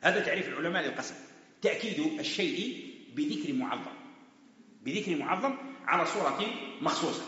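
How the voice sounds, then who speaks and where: Male religious teacher, crisp bright tone, explaining step by step, dull lo-fi recording. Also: fairly high pitch, lively intonation, brisk, pauses often. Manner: patient explaining, repeats points with everyday examples. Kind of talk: Quran commentary lesson. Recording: echoey hall, dull lo-fi sound.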